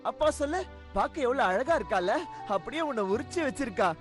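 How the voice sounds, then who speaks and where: A woman's voice: on the high side, expressive, fast, close to an everyday voice. A woman voicing a young father in a dubbed cartoon who dotes on his baby but scolds sharply, with faint music behind. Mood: doting. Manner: doting and scolding. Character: fond young father, quick to anger.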